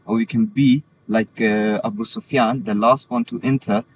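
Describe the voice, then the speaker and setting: The recording, muffled and lo-fi with obvious background noise, features a Danish man as an interview guest in a sincere religious discussion. He speaks at a normal speed, with a fairly low pitch and fairly even intonation.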